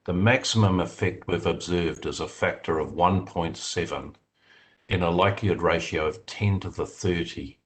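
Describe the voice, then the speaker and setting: A man explaining statistical software methods in a video meeting, measured and explanatory, with frequent fillers. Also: low-pitched, poor audio. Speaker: software developer answering committee questions. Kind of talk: technical discussion in a video meeting.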